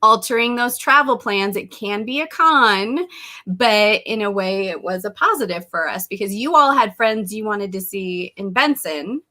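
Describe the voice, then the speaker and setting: A woman's voice: medium pitch, moderate pace, sharp tone. An American woman co-hosting a casual live chat, talking easily and laughing often as she reads comments aloud. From United States. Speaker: livestream co-host.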